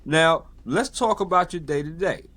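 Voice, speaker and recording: A man from San Diego hosting a casual podcast interview, talking in a relaxed way with lots of fillers and repeated affirmations. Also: a little high, moderate pace, no echo. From San Diego, United States. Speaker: podcast host and sports journalist.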